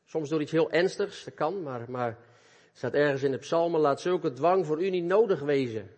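A man delivering an earnest, animated sermon, turning often to speak straight to the young people listening. His voice sits a touch high and carries a slight husk. The sound hangs in the long reverb of a church hall. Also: normal speed. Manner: earnest, animated, addresses youth directly. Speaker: preacher.

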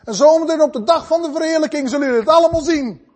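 A man preaching a fervent sermon, swinging between loud, urgent passages and soft, pleading ones. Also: very high-pitched, fast talker.

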